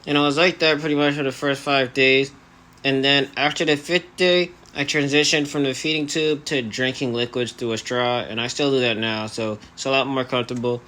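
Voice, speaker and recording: A man's voice: mid-range voice, fairly even intonation, moderate pace, pushed and bright. An eighteen-year-old man talking earnestly in a personal vlog, with hesitant phrasing and articulation slightly restricted by elastics on his jaw. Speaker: vlogger. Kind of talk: personal vlog monologue to camera.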